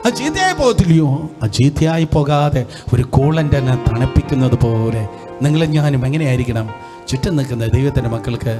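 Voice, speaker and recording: A man with a Malayalam accent preaching a Bible study sermon, leading the congregation to repeat phrases back and exclaiming hallelujah and praise often. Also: fairly high pitch. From India. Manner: repetitive call-and-response, leads congregation in repeating phrases. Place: hot room with lights and fans.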